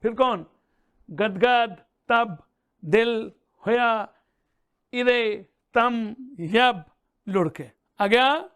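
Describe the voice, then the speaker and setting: High-voiced, slow-drilling Hindi chemistry teacher. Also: male voice, fairly bright tone, clear, resonant tone, dry recording. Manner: drilling students, repeating mnemonic chants slowly; addresses listeners as beta and bhaiya. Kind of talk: classroom lesson with mnemonics.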